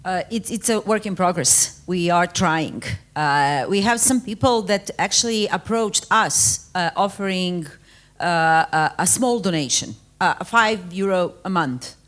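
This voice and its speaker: Woman, slightly low voice, matter-of-fact panel answer. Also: measured pace, a bit bright. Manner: matter-of-fact, frequent uhs. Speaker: panelist from a news outlet.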